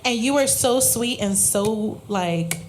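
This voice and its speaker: A woman's voice: fairly high pitch, slow. Young woman, podcast host, effusive, faint room noise. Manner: effusive, hyping the crowd. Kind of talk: live podcast hosting. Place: live cafe event before an audience.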